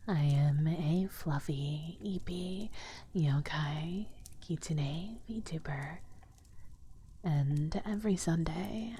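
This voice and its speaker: A woman hosts an ASMR stream in a soft, breathy whisper, low and unhurried. Her manner is cute, gentle and affectionate as she chats with viewers. She sits close to a binaural microphone, with faint noise behind her. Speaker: VTuber streamer and host. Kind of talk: whispered ASMR livestream chat. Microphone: close 3Dio binaural microphone.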